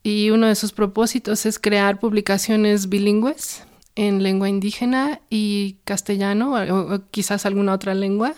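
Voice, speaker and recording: A middle-aged woman with a Mexican accent, an independent publisher and illustrator, reflects conversationally on herself in an interview-style narration. Her medium-pitched voice is steady and a little mellow at a moderate pace.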